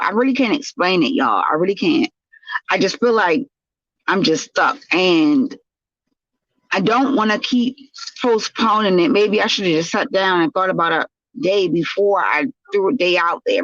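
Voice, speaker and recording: A woman's voice: medium pitch, a bit bright, dry recording, dull audio. A woman vlogging from inside her car, venting about feeling overwhelmed, frazzled and sighing as she talks through her stress. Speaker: vlogger and small business owner. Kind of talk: casual venting vlog.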